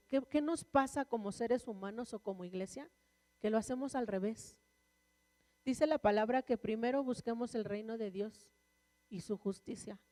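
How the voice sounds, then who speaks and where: A woman's voice: on the high side, dark tone. A woman preaching a sermon and sharing a personal testimony in an earnest, conversational way. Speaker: church speaker. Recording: long reverb of a large hall.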